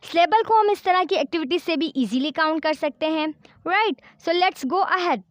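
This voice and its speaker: Speaking in an extremely high pitch, a female English teacher leads a grammar lesson much like a classroom session, using slow and careful English. She spells words one letter at a time, counts syllables out loud, and often asks "right?" to check in. The sound is dry and of studio quality.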